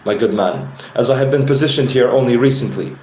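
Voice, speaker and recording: A man's voice: medium pitch, brisk, a little mellow, reverberant, slight background noise, natural voice. A man reading aloud from his own novel and voicing a stern, suspicious border commander who talks formally and old-fashioned.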